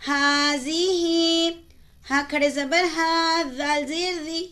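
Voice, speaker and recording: A woman teaching Quran reading step by step, spelling out letters and vowel marks, then slowly stretching the syllables, and asking questions that she answers herself. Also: sits high, a bit bright. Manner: asks the listener questions and answers them herself. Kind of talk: step-by-step recitation lesson.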